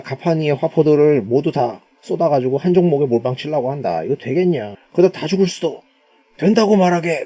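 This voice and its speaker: A man's voice: medium pitch, dark tone. A man giving stock market commentary as a vivid battle story, in casual slang with mouth sound effects.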